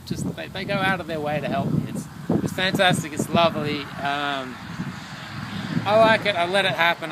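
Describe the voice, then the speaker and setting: Aussie guy after a long run, tired, rambling thoughts, loud cars going past outside. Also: on the high side. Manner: rambling, thoughtful, lots of fillers. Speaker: solo long-distance runner vlogging. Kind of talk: casual reflective video diary. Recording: loud traffic noise outdoors.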